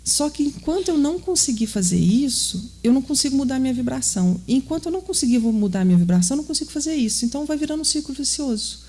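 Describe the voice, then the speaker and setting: A woman's voice: high-pitched, animated, rapid-fire, hardly any pauses, warm tone, breathy edge. A woman from Brazil with a Minas Gerais accent, giving an earnest, conversational spiritist lecture that often puts questions to the audience. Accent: Brazilian Portuguese, Minas Gerais. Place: spiritist center hall.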